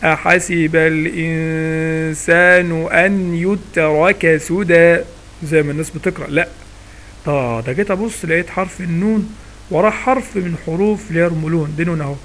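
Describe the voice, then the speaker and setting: A man's voice: on the high side, fast talker. A man with an Egyptian accent teaching a recitation lesson in a casual spoken style. He asks himself questions and then answers them step by step. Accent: Egyptian Arabic.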